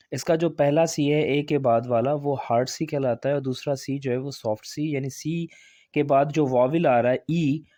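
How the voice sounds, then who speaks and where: A man's voice: mid-range voice, warm tone, dry recording, clean studio sound. A man teaching English pronunciation in a video lesson, spelling out words and repeating each one.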